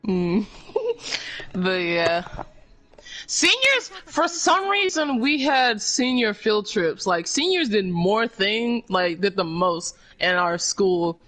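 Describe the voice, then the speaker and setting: A man's voice: sits high, sing-song, slow, pushed and bright. A young man streaming a game, chatting casually and swearing often, with frequent laughs. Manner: laid-back, profane, laughs often. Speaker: gaming streamer. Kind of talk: casual chat while gaming.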